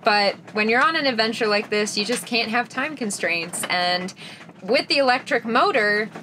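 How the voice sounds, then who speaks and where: A woman's voice: a little high, moderate pace, a little hiss or hum. Young woman chatting in a boat cabin. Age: young adult. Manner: lively, laughs often, talks with her hands. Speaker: sailor guest. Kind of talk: casual interview. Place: small wood-paneled boat cabin.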